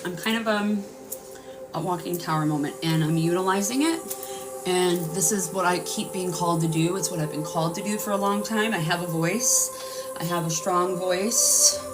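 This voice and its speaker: Hosting a live-streamed healing session, a woman talks earnestly and ramblingly as she guides listeners through their breathing. Her lowish voice comes at a moderate pace, a bit off-mic and far away, with music playing.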